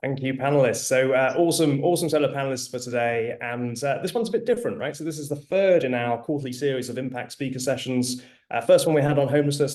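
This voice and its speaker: A man hosts an online panel in an informal way. His voice is medium in pitch. He talks haltingly, with many fillers as he moves from point to point. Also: a little mellow. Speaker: webinar moderator.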